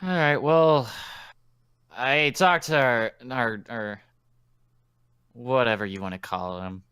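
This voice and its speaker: A man's voice: mid-range voice, slow pace, a bit bright, smooth, dry recording, clean studio sound. A man narrating as game master of a tabletop game, rambling with many fillers and restarts.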